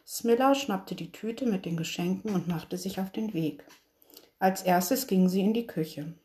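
A woman reading a children's story aloud in a gentle storytelling manner. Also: medium pitch, measured pace. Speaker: narrator.

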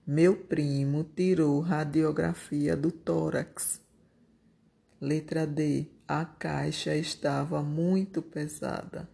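Slow, gravelly teacher. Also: medium pitch, level tone, warm tone. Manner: slow, deliberate, repeats each answer word. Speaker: primary school teacher. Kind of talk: correcting workbook exercises aloud.

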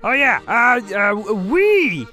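A woman's voice: a little high, very animated, a little slow, bright, forceful tone, faint music behind, heavily acted. A woman voicing a jittery male forest critter who stammers nervously and puts on a clumsy fake French accent. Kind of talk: cartoon voice acting.

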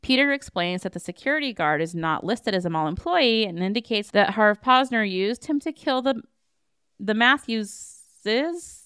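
Smooth-voiced woman recapping a movie. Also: mid-range voice, expressive, normal speed, fairly bright tone, no room sound, clean studio sound. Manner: wry, sarcastic asides between plot summary. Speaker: podcast co-host. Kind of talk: casual movie recap chat.

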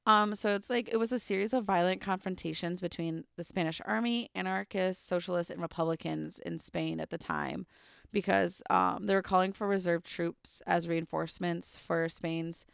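Her pitch fairly low and her intonation fairly even, a young woman recounts a true crime case on the podcast she co-hosts, chatting loosely with plenty of "um"s and "like"s. At a moderate pace, her voice comes across gravelly, clear and resonant on a dry, studio-quality recording.

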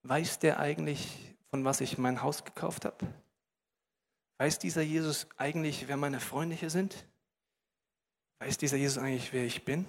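A man's voice: a little high, fairly even intonation, normal speed, creaky, pauses often, voice pushed down. Man voicing a smug flashy little show-off. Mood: hushed. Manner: slangy, offhand, self-satisfied. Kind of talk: acted quote in a sermon.

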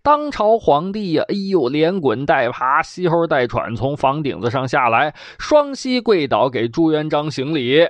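A man telling a traditional historical story in a lively, colloquial way with vocal sound effects. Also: a little high, a little slow, hardly any pauses, no echo.

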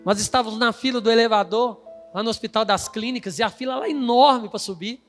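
A man's voice: very high voice, brisk, big-room sound, faint music behind. A male pastor preaching a sermon, emphatic and storytelling, acting out the quoted voices.

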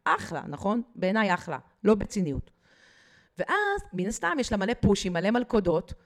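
Animated woman telling stories. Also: mid-range voice. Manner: lively, acts out quoted people, addresses host directly. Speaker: guest expert on digital habits. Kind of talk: podcast interview, animated storytelling.

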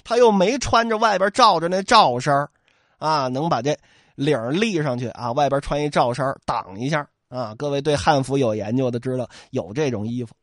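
A man's voice: medium pitch, moderate pace, fairly bright tone, no room sound, clean studio sound. A man telling a classic tale as comic storytelling, with chatty asides to his listeners.

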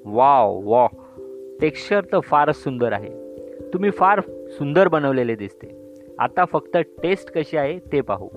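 A man's voice: a little high, very animated, a little slow. A man doing a showy flirty chef teacher. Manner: showy, mixes English phrases, flirty. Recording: dull lo-fi sound with faint music.

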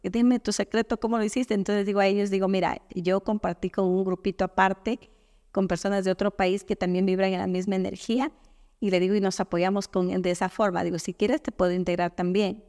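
Mujer ecuatoriana contando historias con entusiasmo. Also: female voice, medium pitch, brisk, long reverb tail. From Ecuador. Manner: animated storyteller, quotes others in dialogue. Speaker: guest. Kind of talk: casual conversational interview.

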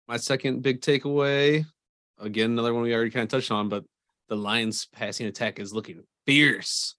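A man's voice: medium pitch, fairly even intonation, brisk, bright, forceful tone, dry recording, studio quality. A man co-hosting a casual sports podcast, rambling and enthusiastic as he talks football. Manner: enthusiastic, rambling fan talk. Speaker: podcast co-host.

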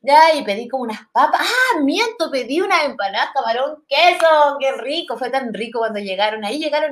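A young woman with a Chilean accent, telling a story on her podcast in an animated, slangy way. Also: a little high. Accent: Chilean Spanish. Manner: animated, slangy, breaks into laughter. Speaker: podcast host. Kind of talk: casual storytelling.

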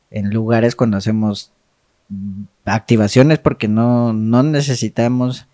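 A man's voice: lowish voice, warm tone, no echo. A man co-hosting a podcast, chatting reflectively in a meandering way that often seeks agreement. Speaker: podcast co-host. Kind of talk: casual, reflective chat.

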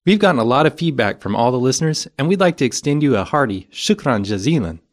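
A man's voice: medium pitch, big pitch swings, quick pace. A man with an American accent, hosting a scripted language lesson podcast with some casual chat.

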